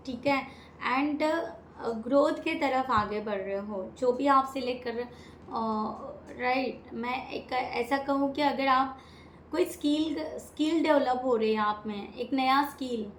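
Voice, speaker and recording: Chatty woman tarot reader, echoey room. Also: on the high side. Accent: Indian. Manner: chatty, repetitive, lots of fillers and English words. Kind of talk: casual tarot reading. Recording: echoey room with faint noise.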